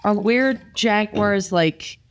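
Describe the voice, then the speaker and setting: A woman's voice: mid-range voice, slow pace. A woman from the southeastern United States chatting casually as a guest taster, playful, folksy and blunt. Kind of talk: casual chat.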